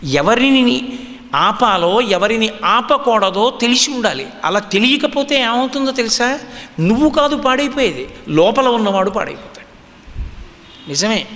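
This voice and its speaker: A man's voice: very high voice, lively intonation, a little slow, bright, forceful tone. A man from the Andhra region giving a religious discourse, teaching emphatically and asking rhetorical questions. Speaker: spiritual discourse speaker. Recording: long hall reverb.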